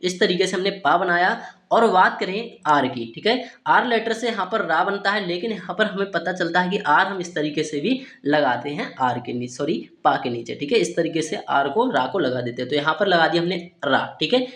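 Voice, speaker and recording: A man's voice: high-pitched, expressive, moderate pace, a bit bright. A man teaching Hindi speakers to read English words, spelling them out letter by letter and asking questions he then answers himself. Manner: repeats "ठीक है" and asks-then-answers questions. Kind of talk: phonics lesson for Hindi speakers. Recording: roomy echo.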